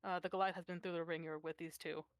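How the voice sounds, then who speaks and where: A woman narrating as game master, slow and halting with many fillers. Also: fairly low pitch, flat delivery, no room sound.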